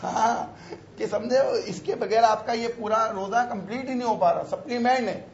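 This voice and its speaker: High-voiced man lecturing in an echoey room. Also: slight background noise. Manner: reads Arabic phrases slowly, then explains casually; chatty, teasing asides to students. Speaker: teacher of religious law. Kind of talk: lecture explaining an Arabic text. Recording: echoey, dull room recording.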